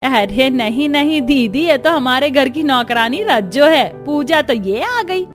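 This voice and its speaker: A woman's voice: high voice, expressive, measured pace, soft background music, pitched above the performer's own voice. A woman voicing a caring, sensible young sister-in-law who speaks earnestly and coaxingly.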